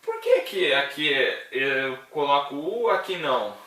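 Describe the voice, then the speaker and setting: A man explains English numbers in a loose, jokey classroom manner, often pausing to check that his listeners follow. His voice is bright and forceful. He sounds set back from the mic in a very echoey room. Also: on the high side, big pitch swings, recorded from a distance. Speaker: English teacher.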